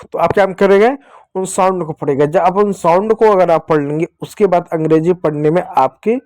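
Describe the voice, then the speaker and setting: A young man teaches children English phonics in a classroom-style lesson, asking questions, answering them himself, and repeating key points. His voice is high-pitched with a darkish tone and a moderate pace. There's no room sound.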